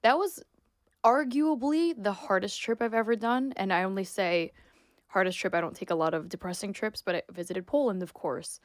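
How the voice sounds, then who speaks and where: A woman in her twenties from New York talks as a podcast guest, opinionated and emphatic, with "like" sprinkled through her sentences. Her voice sits at a middle pitch, and it is recorded close and dry with no room sound. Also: moderate pace, dry recording. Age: 20s. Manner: emphatic, opinionated, frequent "like" fillers. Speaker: guest, sports reporter and influencer. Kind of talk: casual interview talk.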